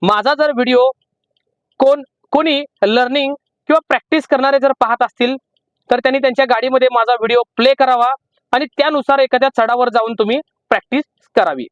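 A man with a Marathi accent teaching driving from inside a parked car, explaining slowly and repeating each step. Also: very high voice, no room sound, dull audio. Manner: repetitive, slow emphatic teaching. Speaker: driving instructor. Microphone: camera in the car.

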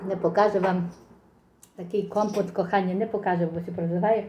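A middle-aged or older woman with a Ukrainian accent chats folksily to viewers in a rambling eating vlog, her words slurred because she's missing teeth. Her voice is medium-pitched, dark and steady at a moderate pace, with a little hiss or hum on the audio.

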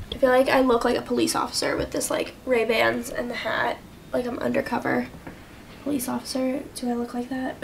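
A sick young woman vlogging in a low, careful voice, her throat sore and her nose stuffed up. Her tone sits a little high with a gravelly fry underneath, and a faint hum of background ambience runs behind her. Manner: speaks quietly to spare her throat. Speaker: lifestyle vlogger. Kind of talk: casual vlog talk to camera. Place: apartment in New York, then out around the city.

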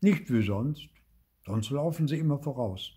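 A man's voice: medium pitch, a little slow, breathy edge. Older man reading a children's story. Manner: lively, expressive reading with voiced dialogue. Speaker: storybook reader.

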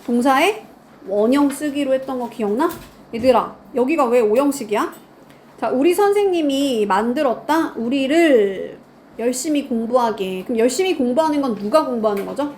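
A woman's voice: high voice, lively intonation, normal speed, darkish tone, slight background noise. A woman teaching grammar in a lecture, quizzing her students and answering her own questions.

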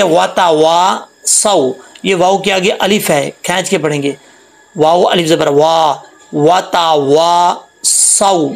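A man teaching Quran tajweed, explaining letter sounds patiently and repeating them slowly. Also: on the high side, creaky, low-quality recording. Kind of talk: Quran tajweed lesson with recitation.

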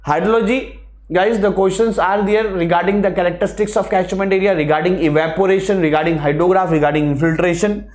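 High-pitched North Indian man lecturing. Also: steady tone, fast talker, darkish tone. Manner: repeatedly addresses listeners as guys, emphatic repetition. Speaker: exam-prep teacher. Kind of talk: classroom lecture to camera. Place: indoor teaching studio at a large screen. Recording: roomy, echoing studio classroom.

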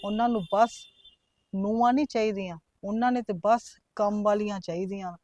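A woman playing a timid young daughter-in-law who pleads softly and speaks of her fear and sorrow. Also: medium pitch, steady tone, moderate pace, dry recording, close to an everyday voice. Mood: sorrowful. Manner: pleading, fearful, soft and sad. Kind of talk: family drama acting.

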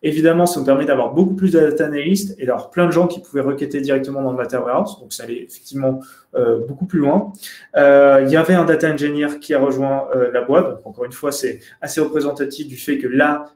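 A man's voice: medium pitch, a little mellow. Man presenting slides in an echoey room. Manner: hesitant, many fillers and restarts. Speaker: conference speaker. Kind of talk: webinar presentation over slides. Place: indoor room. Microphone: webcam video call. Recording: roomy webcam audio.

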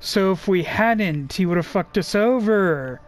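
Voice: medium pitch, expressive, unhurried. A person giving casual commentary over a video game. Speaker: gameplay commentator.

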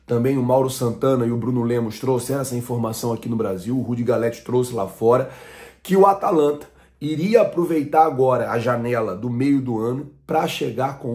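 A man's voice: medium pitch, a little mellow. Brazilian man rambling through fan news. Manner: rambling, repeats himself, many fillers. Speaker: football channel host. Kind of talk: casual fan news vlog. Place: small room at home.

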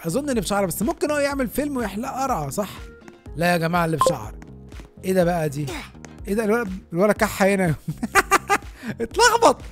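A man with an Egyptian Arabic accent giving chatty, excitable gaming commentary, talking straight to his viewers. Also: high-pitched, fast talker, pauses often, over music. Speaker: gaming YouTuber.

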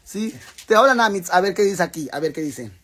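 Calling his viewers "hermanas" and swearing without restraint, a man with a Mexican Spanish accent chats rowdily on a cooking live stream. His high-pitched, fairly bright voice is expressive and a little fast.

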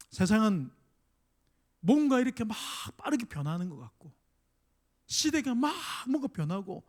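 High, lively-voiced male pastor preaching. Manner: emphatic preaching with dramatic quoted voices; drops to a soft confiding tone when telling a personal story. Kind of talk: sermon.

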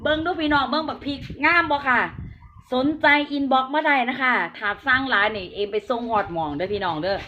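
A woman with a bright, forceful and rather high voice sells live in an Isan accent. She pitches with hype, repeating herself and chatting to viewers in a folksy manner, with some noise behind her. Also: lively intonation, fast talker, muffled recording. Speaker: live-stream seller of chillies and farm produce. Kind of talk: hyped live selling patter.

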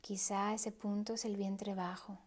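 In a soft, hushed, breathy voice broken by pauses, a woman guides a meditation. Her pitch is medium and her tone stays level.

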